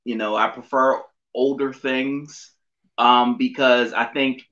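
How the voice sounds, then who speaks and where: Rambling middle-aged man, bright lo-fi voice. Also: medium pitch, fairly even intonation, takes it slowly. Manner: rambling, frequent fillers and self-corrections. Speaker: podcast guest. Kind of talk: casual interview chat. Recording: dull lo-fi audio.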